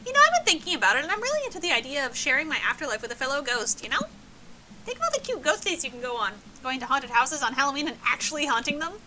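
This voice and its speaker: A woman's voice: high-pitched, very animated, very fast, background noise. A woman voicing a bubbly, morbid party-girl ghost who talks in hyper, squealing exclamations.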